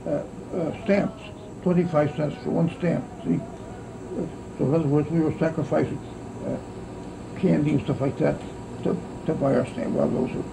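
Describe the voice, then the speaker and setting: This is a very old American man telling memories in a casual, rambling way. His aged voice is full of creak and sits a little high for a man. He halts and circles back like an old storyteller, over a clearly noisy, humming background. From United States. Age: very elderly, about 90s or older. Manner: old man's halting, rambling storytelling with repeated "see" tags. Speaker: grandfather recalling wartime childhood. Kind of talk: casual oral-history reminiscence. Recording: noisy, steady insect-like background hum.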